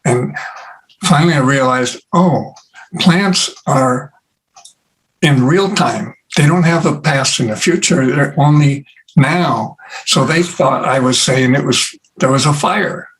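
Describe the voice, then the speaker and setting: A man who is an interview guest, telling stories in an unhurried way with many pauses and fillers. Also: medium pitch, rough recording. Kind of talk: casual conversation.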